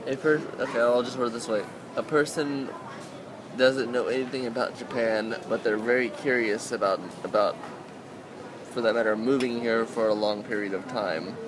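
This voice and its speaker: A man's voice: medium pitch, fairly even intonation, normal speed. A man interviewing someone casually outdoors, talking in an informal, rambling way. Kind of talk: casual chat, swearing freely. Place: outdoors on a city street. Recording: noisy outdoor urban street with traffic.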